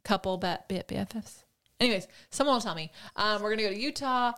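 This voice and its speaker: A woman's voice: medium pitch, quick pace, fairly bright tone. A woman co-hosting a podcast in casual banter, with playful, self-mocking asides and a chatty way of talking. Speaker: podcast co-host.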